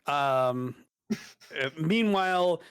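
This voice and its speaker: A man casually recapping a tabletop game as a player, rambling and filling gaps. His voice sits a touch high, and the sound is dry and close. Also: expressive, extremely slow, a bit bright, clean tone, dry recording. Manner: rambling, with many fillers and laughs.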